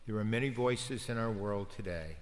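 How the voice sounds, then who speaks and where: A man, a deacon, giving a homily in a gentle, conversational preaching manner with pauses. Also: fairly low pitch, a little hiss or hum. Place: church. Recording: long church reverb.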